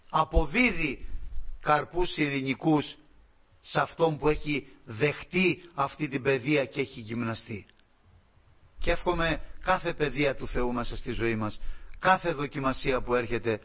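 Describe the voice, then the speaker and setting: A man preaching a fervent sermon to his congregation, with slow emphatic repeats and sudden loud calls. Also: mid-range voice. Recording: dull lo-fi recording.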